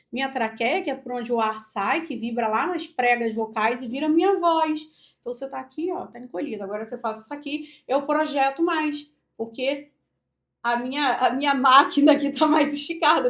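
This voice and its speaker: A woman with a Brazilian accent, a speech therapist, teaching voice and posture in an instructional video with live demonstrations, explaining step by step. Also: high voice. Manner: demonstrative, explains step by step, often says "look". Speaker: speech therapist and public speaking coach.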